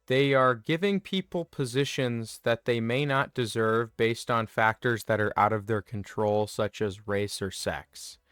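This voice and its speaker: A man delivers a satirical comedy monologue with mock earnestness, rambling and getting himself worked up as he goes. His voice is smooth and resonant and sits at an ordinary middle pitch. It is recorded close and dry, with faint music underneath. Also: measured pace, few pauses, fairly bright tone, dry recording. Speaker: comedy video host.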